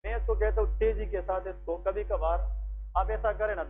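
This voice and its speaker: A man's voice: high-pitched, steady tone, normal speed, slight background noise. Man teaching in a tinny recording. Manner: explanatory, asks the class frequent check questions. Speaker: medical lecturer. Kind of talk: classroom teaching demonstration. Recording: tinny phone-like recording with faint music.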